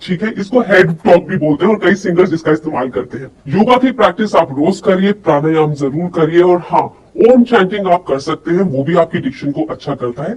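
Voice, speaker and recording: Expressive and a little fast, with few pauses, her lowish, darkish voice carries a lesson from a voice and personality development coach. She talks directly to listeners, posing rhetorical questions and demonstrating, captured on a distant mic with faint background noise.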